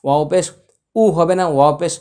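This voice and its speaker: A man teaching Quran recitation, spelling out letters slowly and chanting verses with long drawn-out vowels. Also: fairly high pitch, steady tone, mellow, clear, resonant tone. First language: Bengali.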